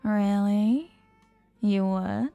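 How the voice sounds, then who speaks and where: Very slow and warm with vocal fry, a medium-pitched woman's voice teases and murmurs coyly as a flirtatious stranger at a New Year's party. This intimate audio roleplay has a hopeful mood, a dry recording and soft background music.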